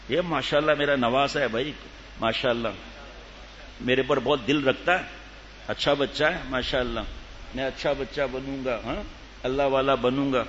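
A man's voice: a little high, a bit bright. A man preaching a humorous sermon to a live audience, teasing his listeners and acting out the people in his stories. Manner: jokey, teases the listeners, acts out quoted people. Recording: reverberant hall, dull lo-fi sound, faint room noise.

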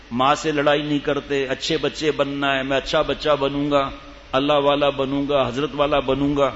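Joking preacher in a long-echo hall. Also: male voice, a little high, fairly bright tone. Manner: jokey, teases the listeners, acts out quoted people. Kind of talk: humorous Islamic sermon. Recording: reverberant hall, dull lo-fi sound, faint room noise.

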